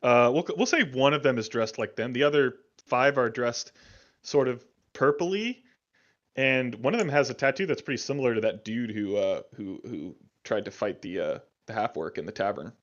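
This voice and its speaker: A man running a tabletop game as game master, often halting and repeating words. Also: mid-range voice, highs cut off.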